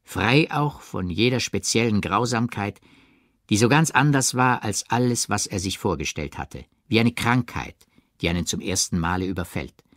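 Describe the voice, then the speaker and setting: A man narrating a classic audiobook in a low, lively voice with measured, expressive phrasing. The studio sound is dry and close. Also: dry recording. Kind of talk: scripted literary narration.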